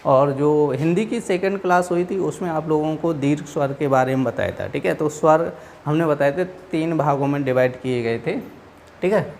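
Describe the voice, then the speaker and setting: At a moderate pace, a man with a fairly high, darkish voice and some vocal fry explains exam answers step by step, with a little hiss or hum in the background. He is patient and repetitive, constantly checking in with students by saying "okay."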